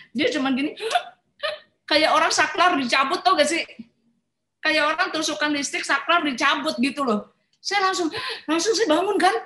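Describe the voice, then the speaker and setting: A middle-aged woman telling a personal church testimony in an animated way, acting out quoted voices and calling her listeners brothers and sisters. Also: high-pitched. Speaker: speaker sharing a personal testimony.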